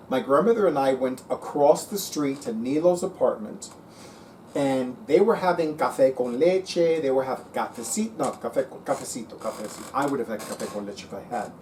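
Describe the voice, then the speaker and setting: Man, 50s, casual, animated, salty tarot YouTuber; slightly distant mic, light background hiss. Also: medium pitch. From Cuban heritage. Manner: animated, chatty, swears freely. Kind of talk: casual vlog talk. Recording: voice a bit far from the mic, faint room noise.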